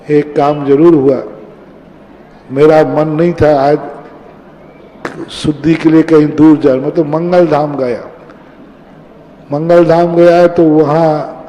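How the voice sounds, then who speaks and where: Slow-speaking monk preaching in a temple hall. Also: male voice, on the high side, dark tone, a little hiss or hum. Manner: measured, repeating phrases for emphasis. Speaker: Jain monk giving a discourse. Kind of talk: sermon. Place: temple hall with a gathered audience. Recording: long reverb of a hall with a crowd.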